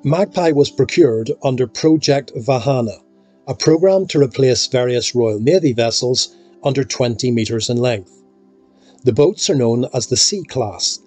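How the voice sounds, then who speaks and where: A man reading scripted documentary narration in a measured, explanatory way. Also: mid-range voice, a little mellow. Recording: voice-over with faint music behind.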